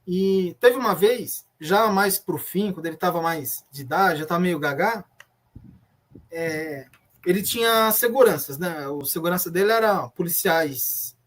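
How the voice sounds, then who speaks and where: A man's voice: high-pitched, animated, measured pace, fairly bright tone. A man with a Brazilian Portuguese accent, a former church member telling his story in an interview, earnest and reflective, often restarting his sentences. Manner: earnest, reflective, retelling memories with many restarts. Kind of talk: personal testimony in an interview.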